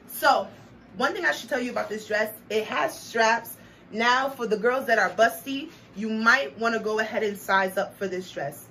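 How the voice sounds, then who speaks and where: A woman's voice: on the high side, fairly bright tone. A young woman vlogging a clothing try-on haul, sassy and playful, hyping each outfit. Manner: sassy, playful, sings snippets and hypes outfits. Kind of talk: casual try-on haul chat. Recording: distant mic with audible background noise.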